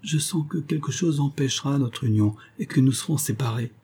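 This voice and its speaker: A man voicing a young frightened noblewoman in love in a storybook reading, speaking in an anxious, hushed, pleading way. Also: medium pitch, brisk, husky, pitched above the performer's own voice.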